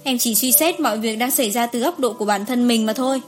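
A woman voicing an upset pregnant young wife, sharp and defensive, in an audiobook story. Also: a little high, fast, faint music behind, close to an everyday voice. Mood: calm resolve. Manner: sharp, defensive, then calm and resolute.

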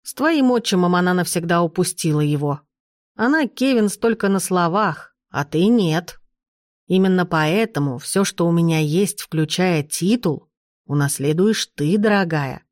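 A woman voicing an elderly duchess grandmother, imperious and sharp-tongued, who talks in slow, commanding, clipped phrases. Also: fairly low pitch, animated, no room sound, clean studio sound. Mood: firm.

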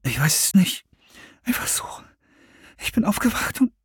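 Man doing a frightened young woman, hushed. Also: steady tone, fairly quick, slightly rough, no room sound, clean studio sound. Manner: hushed, trembling half-whisper, raised pitch. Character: frightened young woman, shaken and close to tears. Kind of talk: audiobook reading.

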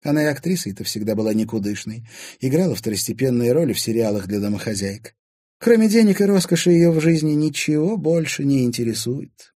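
A man's voice: medium pitch, animated, a little fast, warm tone, slightly rough, no echo, studio quality, voice pushed up. A man voicing a friendly, frank young woman confiding in her brother.

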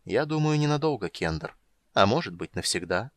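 A man reading the lines of a cold, commanding female goddess in an audiobook, slow and measured. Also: on the low side, very animated, no echo, studio quality. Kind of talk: audiobook character voice.

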